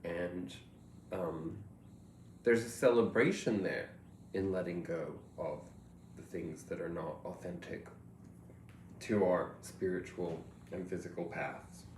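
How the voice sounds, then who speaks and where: A man giving a reflective tarot reading, musing and meandering, often trailing off softly. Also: low voice, takes it slowly, a little hiss or hum. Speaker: tarot reader. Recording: roomy echo, faint ambience.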